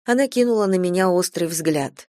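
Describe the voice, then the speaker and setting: A woman reading a first-person story as an audiobook narrator, calm and measured, on a close mic. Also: on the low side, dry recording.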